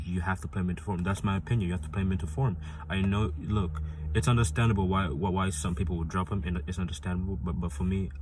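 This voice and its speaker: A man's voice: low-pitched, a little mellow, slight background noise. A man hosting a football fan vlog, rambling and insistent, repeating his points with many restarts. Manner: rambling, frequent restarts and fillers. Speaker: football fan channel host. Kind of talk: casual fan prediction vlog.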